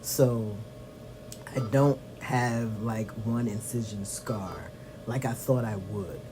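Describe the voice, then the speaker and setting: A man talking casually in a personal video diary, in a subdued, tired way that trails off softly. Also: fairly low pitch, slow, noisy background. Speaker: vlogger. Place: lying on back in a hospital bed. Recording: music behind the voice.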